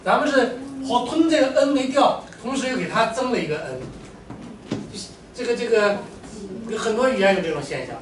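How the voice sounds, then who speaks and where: High-voiced joking teacher. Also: male voice, a little fast. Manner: joking, animated teacher talking to students. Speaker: Manchu language teacher. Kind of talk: classroom lecture. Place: classroom. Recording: echoey room, mic far off, faint room noise.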